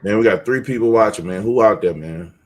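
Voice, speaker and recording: A man co-hosting a casual live show, teasing the others in an animated, playful way. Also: on the low side, fairly quick. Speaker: podcast co-host. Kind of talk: casual chat.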